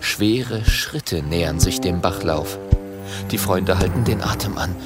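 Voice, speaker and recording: A man narrating a children's audiobook in a slow, expressive storytelling manner. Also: sits low, loud music behind the voice.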